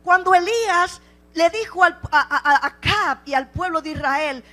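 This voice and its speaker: A woman's voice: very high-pitched, normal speed, bright, forceful tone. A woman preaching a sermon with passion, driving her points home with repeated rhetorical questions.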